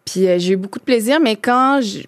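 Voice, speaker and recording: A Québécois woman in her thirties, guesting on a podcast, chats casually in a fairly high, quick voice with no echo. Her talk is loose, full of fillers and restarts, and carries a Quebec French accent.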